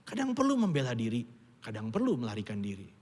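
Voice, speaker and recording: A man preaching a casual, conversational sermon to his congregation, slipping into high squeaky voices to act out quoted dialogue. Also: wildly swooping pitch, quick pace, darkish tone, husky. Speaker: pastor. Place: church auditorium. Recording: long hall reverb.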